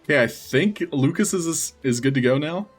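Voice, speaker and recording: A man's voice: a little high, animated, moderate pace, breathy edge, faint music behind. A man hosting a live stream, chatting casually with his viewers.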